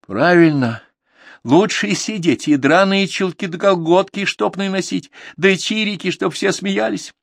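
Brief: male narrator doing a high, stubborn young village girl for an audiobook. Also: expressive, fairly quick, hardly any pauses, no echo, clean studio sound. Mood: defiant. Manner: pleading, then sharply defiant.

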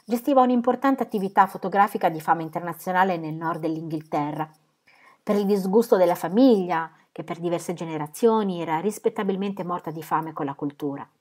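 Low-voiced woman reading a novel aloud. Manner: steady, measured reading. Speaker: reader. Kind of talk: audiobook narration.

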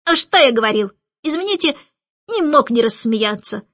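A woman's voice: on the high side, lively intonation, moderate pace, a bit bright, dry recording, highs cut off. A woman voicing a cheeky, chattering male starling bird who teases and mocks in a sly tone, in an audiobook. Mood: gloating. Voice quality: teasing, sly.

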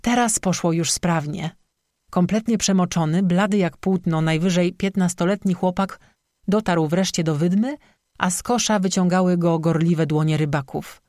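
An audiobook narrator reading a legend in a steady, measured scripted narration. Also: mid-range voice, no echo, studio quality.

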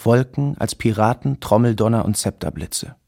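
An actor reading a wandering poet-philosopher's diary entries in a literary radio feature, solemn and ecstatic. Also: male voice, on the low side, moderate pace, gravelly, mellow. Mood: rapturous.

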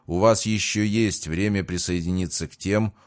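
A detached male sorcerer, voiced by the audiobook's reader speaks with cold, unhurried indifference. The voice is deep and low. Each line comes out slow and flat in feeling. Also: natural voice.

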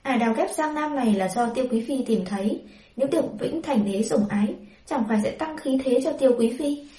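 A woman narrating a historical novel as an audiobook, in a measured storytelling voice, in a roomy, distant recording. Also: a little high, lively intonation, mellow.

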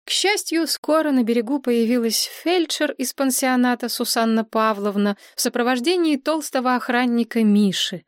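A woman narrating an audiobook in an even, measured storytelling voice. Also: a little high, dry recording, clean studio sound.

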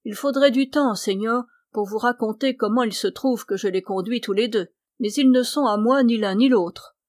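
A woman voicing an unhurried, plain-spoken young wagon driver in a storybook reading. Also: fairly high pitch, a little mellow, dry recording, studio quality, natural voice. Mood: easygoing.

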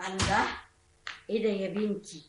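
An actress playing a sharp-tongued but doting aunt in an old Egyptian radio drama, with an Egyptian accent and a folksy manner. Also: female voice, medium pitch, steady tone, background noise, natural voice. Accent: Egyptian Arabic. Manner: folksy, quick to scold, affectionate. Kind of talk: vintage radio drama acting.

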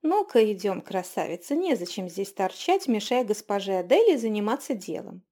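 A woman voicing a fawning, flustered innkeeper who gushes with lifted pitch. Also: sing-song, moderate pace, mellow. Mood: bossy. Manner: gushing, fawning, breathless.

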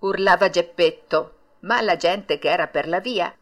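A woman reading a classic children's story aloud with expressive, swooping intonation. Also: lowish voice, a little slow. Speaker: audiobook reader. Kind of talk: storybook narration.

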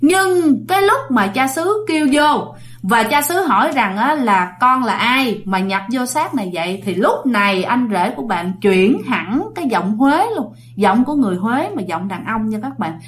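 A woman telling a ghost story in a chatty, casual way. She speaks directly to her listeners and keeps the tale moving. Her voice sits a little higher than most women's. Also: animated, normal speed.

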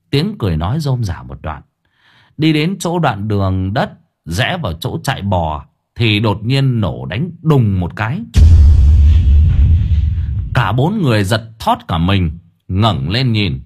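A man's voice: lowish voice, breathy edge. A man narrating an audiobook expressively. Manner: expressive storytelling. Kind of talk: scripted narration.

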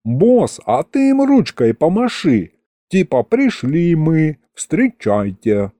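A laid-back streetwise thug of a sidekick, all street slang, as a man reads him out. The lines come slow and unhurried. The tone is dark and mellow. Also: a little high, wildly swooping pitch, no echo, pitched above the performer's own voice, heavily acted.

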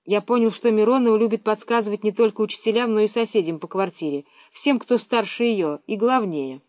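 A woman's voice: medium pitch, fairly quick, a little mellow, dry recording. Woman reading a children's story, dry sound.

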